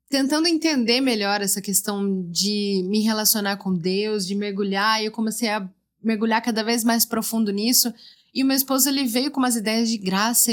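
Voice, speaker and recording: A woman with a slightly high voice delivers a devotional teaching as a podcast host. She speaks earnestly and drives her points home by repeating phrases.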